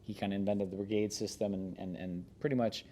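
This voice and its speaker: Man, podcast host, somewhat low voice, easygoing rambling chat, reads aloud between asides. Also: fast talker, slight background noise. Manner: relaxed, rambling, with frequent fillers and restarts. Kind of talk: reading a memoir aloud and casual chat.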